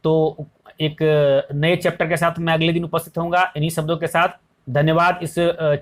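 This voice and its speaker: A male teacher giving an exam-prep lesson, explaining in Hindi and reading the phrases slowly. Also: fairly high pitch, flat delivery. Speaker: English teacher.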